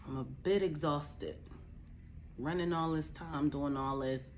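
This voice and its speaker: A woman's voice: low voice, slow pace, darkish tone, a little hiss or hum. A young woman vlogging a candid personal rant to camera, blunt and profane, telling her story emphatically. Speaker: vlogger, spiritual advisor.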